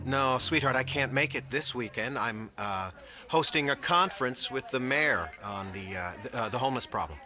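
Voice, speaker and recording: A man's voice: mid-range voice, lively intonation, moderate pace, pushed and bright. A smug cartoon con man. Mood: sweet-talking. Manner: oily, smug and evasive. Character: smooth-talking lying con man fiancé, adult male. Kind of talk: cartoon voice acting. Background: music.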